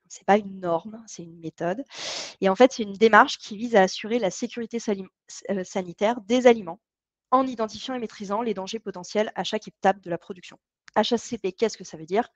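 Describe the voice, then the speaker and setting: A woman, co-founder of a company, leading an online training session in a chatty, explanatory way with frequent hesitations. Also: medium pitch.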